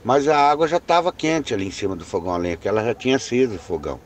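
A man telling a personal story in a hesitant way, repeating words and slowing down for suspense. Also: mid-range voice, expressive, a little hiss or hum. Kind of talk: first-person spoken storytelling.

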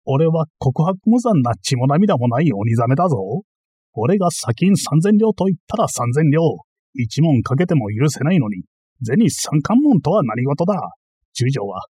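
Brief: male reader doing a blustering, clownish master thief, voice pushed higher, husky, dry close read. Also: sing-song, normal speed, mellow, no echo. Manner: boastful, ranting, easily flustered. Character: blustering bumbling self-styled master thief, man.

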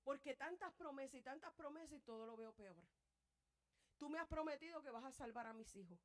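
A woman preacher giving an impassioned sermon. She moves between loud, fervent passages and hushed, prayerful ones, and speaks both to the congregation and to God. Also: high-pitched, animated, brisk.

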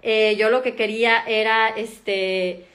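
A woman's voice: on the high side, steady tone, slow, fairly bright tone. A woman in her thirties with a Mexican accent, a doctor chatting casually to viewers from her home, laughing often and using many fillers. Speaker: doctor and vlogger. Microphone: phone camera.

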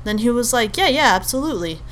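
Speaking fast with lively intonation, this young podcast host from Albania chats her way through a rambling monologue full of fillers, restarts and self-corrections. Her voice is a little high and a bit bright, over slight background noise.

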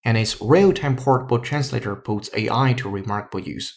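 A man's voice: mid-range voice, a little fast. A man teaching English on a podcast, explaining sentences patiently with frequent "ah" and "uh" fillers.

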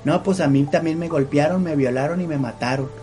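A man voicing the ghost of a young woman, pleading softly and earnestly in a told story. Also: on the high side, fairly quick, over music, close to an everyday voice.

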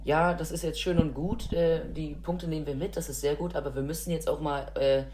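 A woman's voice: low-pitched, fairly even intonation, brisk, dark tone. A woman co-hosting a casual chat about football, talking enthusiastically with many fillers. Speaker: football podcast co-host.

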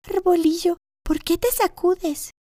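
A woman's voice: very high-pitched, fairly even intonation, takes it slowly, warm tone, no echo, clean studio sound, pitched above the performer's own voice. A woman voicing an earnest little girl in a storybook tale, speaking in a sing-song way. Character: young girl carrying a water jug, earnest.

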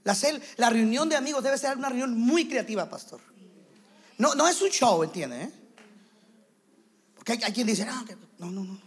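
A man preaching a sermon to church leaders, animated and playing out quick scenes in other voices. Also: extremely high pitch, husky. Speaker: pastor.

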